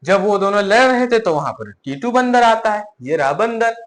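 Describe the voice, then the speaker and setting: A male teacher telling a fable in a math lesson for children, animated, often asking the listeners questions. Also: high voice, moderate pace.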